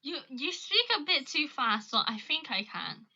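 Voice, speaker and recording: A teenage girl with a British accent hosts a casual livestream chat. Her voice sits a little high and sounds bright and crisp. She talks in a chatty way and switches between languages. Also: sing-song, unhurried, muffled recording. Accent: British English, Birmingham. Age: teens. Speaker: livestream host. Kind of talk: casual live video chat.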